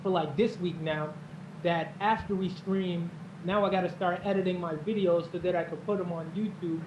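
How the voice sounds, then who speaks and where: A man co-hosting a relaxed streamer talk, chatting casually in a muffled, roomy recording with faint noise. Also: high voice, moderate pace. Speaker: co-host, game streamer. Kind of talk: casual conversational chat.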